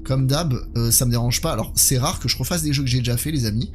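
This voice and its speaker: A man's voice: mid-range voice, quick pace. A man livestreaming a horror game, chatting with his viewers as he comments. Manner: chatty, talks to his audience. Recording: music playing behind the voice. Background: game music.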